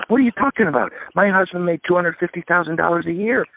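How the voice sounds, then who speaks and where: Guy putting on a shocked widow lady, way higher than his own voice, dry tinny phone sound. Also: fast, creaky, dry recording. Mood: indignant disbelief. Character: shocked widowed woman, indignant.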